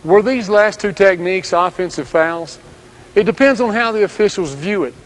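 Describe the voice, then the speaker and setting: Man, high-pitched voice, coach narrating, calm instructional read, clear direct commands. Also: moderate pace, low-quality recording. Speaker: basketball coach.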